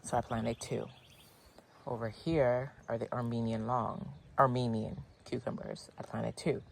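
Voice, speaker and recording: Chatty gravelly-voiced garden vlogger. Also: mid-range voice, a little slow, a little hiss or hum. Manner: chatty, excitable, talks to viewers as y'all. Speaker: gardening channel host. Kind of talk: casual gardening vlog. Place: outdoor backyard garden.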